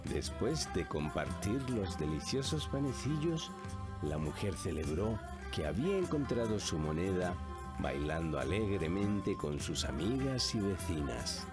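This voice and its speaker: A man narrating a story in a scripted, even storytelling voice. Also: sits low, measured pace, over music.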